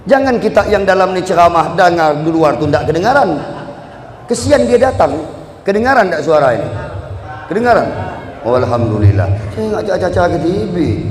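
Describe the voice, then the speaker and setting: A male preacher from the Bugis region, giving a lively, joking sermon and chanting Arabic verses in a drawn-out sing-song. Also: sits high. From Bugis, South Sulawesi. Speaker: Islamic preacher. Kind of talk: sermon to a live congregation. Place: large hall at a religious gathering. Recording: echoey hall with long reverb.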